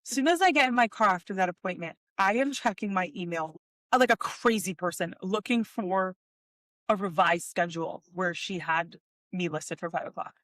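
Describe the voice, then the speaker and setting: A woman's voice: mid-range voice, moderate pace, fairly bright tone, dry recording. Young woman, podcast co-host, chatty storytelling, lots of "like", dry close sound. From United States. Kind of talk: casual chat.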